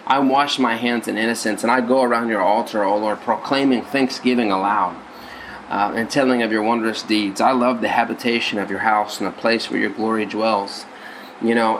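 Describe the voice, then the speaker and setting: A man's voice: medium pitch, a little hiss or hum, rough recording. A man speaking as a pastor on a devotional podcast, earnest and conversational, with many fillers and restarts.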